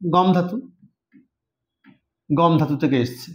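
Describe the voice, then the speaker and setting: A man with a slightly high, steady voice speaks slowly while teaching an online Sanskrit exam-preparation lesson, recorded with roomy echo. He explains step by step and frequently checks that students are following.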